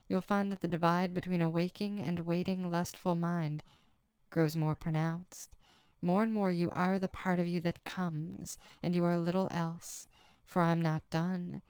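A woman hypnotist guides the listener in a slow, repetitive, commanding trance delivery. Her voice is lowish and smooth, kept flat and even. The recording is dry and close. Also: no echo. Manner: authoritative, commanding.

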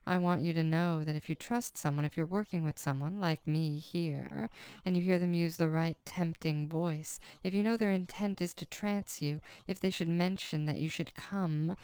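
A woman speaking as a hypnotist in a scripted trance recording, with a slow, soft, repetitive delivery and an authoritative, commanding tone. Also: deep voice, steady tone, clear, resonant tone, no echo, poor audio.

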